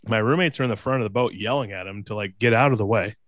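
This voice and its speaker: A young man co-hosting a casual chat, telling a story in an animated way and jumping high in pitch when he quotes people. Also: fast talker, dry recording. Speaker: podcast co-host.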